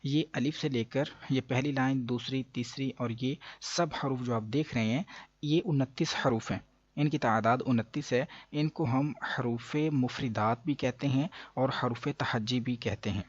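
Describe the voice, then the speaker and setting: A man teaching a beginner Quran reading lesson, explaining slowly with pauses and drawing out each letter sound to demonstrate. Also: mid-range voice, fairly even intonation, breathy edge, highs cut off. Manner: slow and explanatory, with frequent pauses and fillers. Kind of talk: patient spoken lesson.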